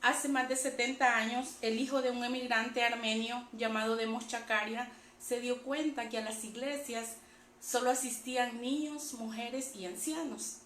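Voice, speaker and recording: A woman with a Salvadoran Spanish accent shares a personal religious testimony with an online audience, speaking conversationally. Her voice sits on the high side and is a bit bright, with fairly even intonation and a moderate pace. The room is echoey, with faint background noise.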